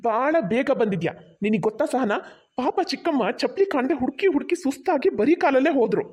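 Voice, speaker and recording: A woman's voice: sits high, expressive, quick pace, a little mellow, breathy edge, pitched below the performer's own voice. A woman voicing an exasperated, sarcastic middle-aged mother-in-law in a cartoon.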